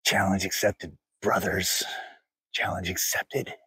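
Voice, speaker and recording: A man's voice: low voice, flat delivery, slow pace, sharp tone, slightly rough, no echo, rough recording. Middle-aged man telling a spooky legend. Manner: folksy storyteller, laughs often. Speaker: hiking vlogger. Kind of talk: casual vlog chat. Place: car interior and outdoor trail. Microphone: camera mounted on dashboard. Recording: car road noise, from the mic.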